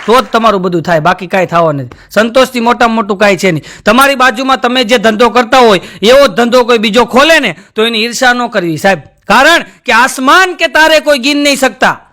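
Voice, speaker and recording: A man's voice: very high-pitched, fairly quick, few pauses, bright, forceful tone. A man telling comic stories and moral lines to a live audience, often calling them sir and mimicking voices. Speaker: stand-up comedian. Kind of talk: live stand-up jokes and moral talk. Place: stage before a live audience.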